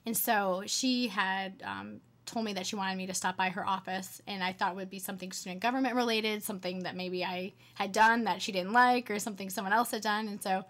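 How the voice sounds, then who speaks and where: A woman's voice: mid-range voice, steady tone, fairly quick, hardly any pauses, fairly bright tone. A young woman in her twenties, a medical student answering interview questions earnestly with many fillers. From United States.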